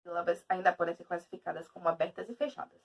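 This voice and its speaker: A woman teacher with a Brazilian Portuguese accent giving a video lesson in an emphatic, lively way. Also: lowish voice, quick pace, slightly rough, recorded from a distance.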